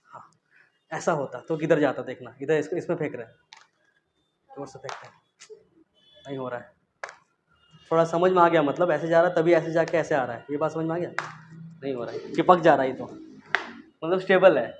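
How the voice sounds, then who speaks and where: A man's voice: a little high, moderate pace, pauses often, lo-fi sound, slight background noise. A man teaching physics in a classroom, chatting casually as he quizzes students and demonstrates with objects. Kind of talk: classroom lecture.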